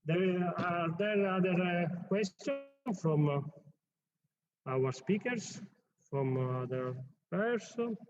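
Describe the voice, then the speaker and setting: A man with an Italian accent, a native Italian speaker, moderating a conference session in halting English. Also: high-pitched, music in the background. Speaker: session chair. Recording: dull lo-fi sound with loud noise, clicks.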